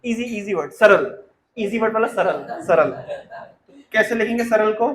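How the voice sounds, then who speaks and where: Male teacher, high pitch, quizzing style, roomy classroom sound. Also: lively intonation, measured pace. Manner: questioning, coaxing students to answer.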